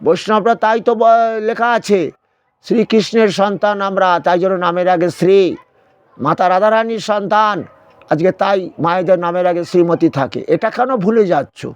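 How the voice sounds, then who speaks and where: A man's voice: sits high, moderate pace, no room sound. A man giving a devotional sermon, admonishing his listeners with repeated rhetorical questions. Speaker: preacher.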